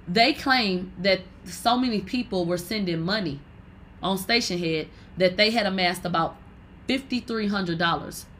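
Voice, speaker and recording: A woman's voice: mid-range voice, fairly bright tone, a little hiss or hum. A woman delivering an unscripted exposé as a commentator, smug, sarcastic and confrontational, with blunt profane slang and lines repeated for emphasis. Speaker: host and cultural commentator.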